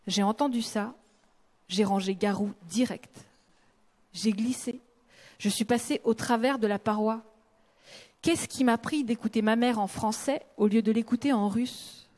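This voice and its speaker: A woman novelist reading a passage of her own book aloud in a lively, expressive way. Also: fairly high pitch.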